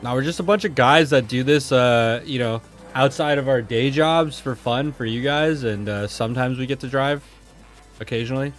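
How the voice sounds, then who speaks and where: Laid-back guy hosting a drift comp stream, chatty then hyped calling runs, soft music under it. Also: medium pitch, normal speed. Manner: chatty, laid-back, bursts into hype play-by-play. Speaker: livestream host and drift commentator. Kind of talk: casual esports livestream commentary.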